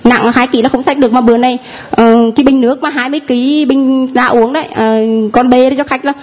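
A woman from the congregation gives a long testimony to the priest. She talks in a somewhat high voice and pauses often, filling the gaps with fillers. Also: steady tone, darkish tone. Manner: hesitant, many fillers. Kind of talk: spoken testimony.

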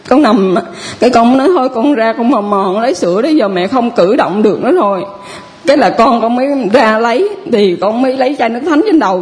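A woman with a southern Vietnamese accent, a parishioner giving a personal testimony in a halting, rambling way with many restarts. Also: fairly high pitch, darkish tone.

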